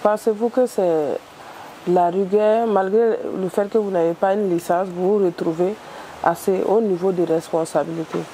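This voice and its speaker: A woman's voice: mid-range voice, steady tone, moderate pace, warm tone, slight background noise, poor audio. A woman interviewer asking polite, searching questions.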